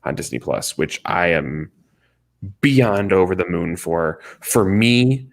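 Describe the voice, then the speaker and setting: A man co-hosting a casual podcast chat, enthusiastic and excitable. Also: sits low, slow pace. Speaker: podcast co-host.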